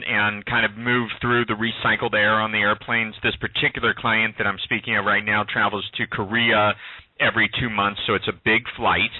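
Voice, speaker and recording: A man's voice: lowish voice, no room sound. A man hosting a radio talk show, asking questions in a hesitant way full of ums and restarts. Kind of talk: casual interview talk. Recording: tinny phone line.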